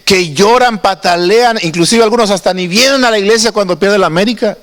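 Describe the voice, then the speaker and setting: A man preaches in a high, bright voice, and a long reverb trails behind each phrase. He keeps it conversational and turns to the congregation with questions. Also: fairly quick. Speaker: pastor. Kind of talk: sermon. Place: church.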